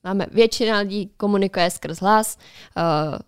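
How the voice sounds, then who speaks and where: A woman's voice: mid-range voice, smooth, no room sound. Chatty Czech podcast woman, dry studio sound. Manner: chatty, reflective, gives advice. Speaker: podcast co-host. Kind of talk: casual podcast chat.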